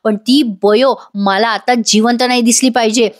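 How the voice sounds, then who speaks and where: A vengeful middle-aged mother, bitter and threatening, her voice sitting fairly high, as a woman narrator voices her. She is a soap villainess in a retold TV drama. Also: steady tone, normal speed, natural voice. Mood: furious. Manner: furious, accusing.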